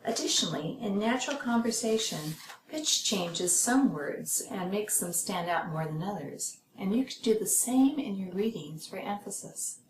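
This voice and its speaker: A woman hosting a podcast lesson for lectors, reading a scripted lesson in a measured way and voicing example sentences to show intonation. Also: medium pitch, expressive. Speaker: podcast host teaching lectors. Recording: echoey room with clear background noise.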